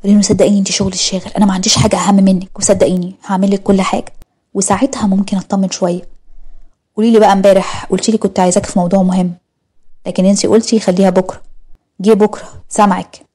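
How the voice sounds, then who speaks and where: A devoted young husband, read by a woman in an audio story. He speaks low, soft and reassuring with an Egyptian accent. The voice is mellow and husky, and the pace is fast. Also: little pitch movement, lightly acted. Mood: tender. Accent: Egyptian Arabic.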